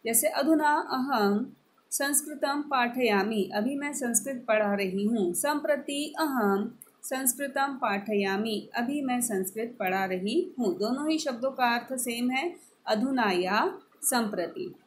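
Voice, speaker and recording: Brief: woman schoolteacher, higher voice, slow deliberate delivery, faint room hiss. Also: low-quality recording. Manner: slow, deliberate, repeats each word with its meaning. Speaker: school Sanskrit teacher. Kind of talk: classroom lesson explaining grammar.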